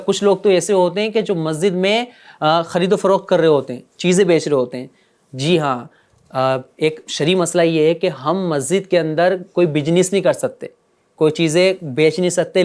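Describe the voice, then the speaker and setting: A man teaching a religious lesson to children, gently coaxing them with repeated questions. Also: high-pitched.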